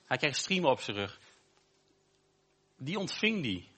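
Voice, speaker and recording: A man preaching a sermon, with an emphatic, repetitive cadence and slow, stressed phrases. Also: mid-range voice, sing-song, sharp tone, breathy edge.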